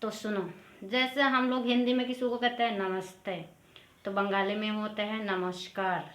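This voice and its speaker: A woman from Assam giving a casual spoken language lesson, explaining each phrase and repeating it slowly. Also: medium pitch, little pitch movement, a bit bright. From Assam, India. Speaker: language teacher. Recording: roomy echo.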